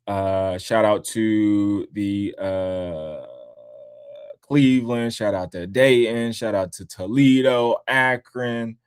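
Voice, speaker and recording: Man, casual livestream host, profane, animated, jumps up into mocking squeals. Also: fairly low pitch, takes it slowly, smooth. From born in upstate New York, raised in the DC area. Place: home in Columbus, Ohio.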